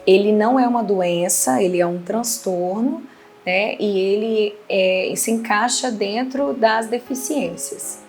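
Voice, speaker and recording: A woman's voice: medium pitch, unhurried, darkish tone, soft background music. A woman specialist explaining a condition in a didactic way during an interview.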